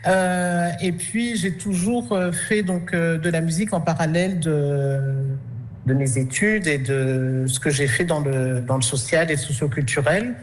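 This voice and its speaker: A woman, an artist and actress, answering interview questions hesitantly, with many fillers and restarts and soft laughs between thoughts. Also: low voice, unhurried, slight background noise.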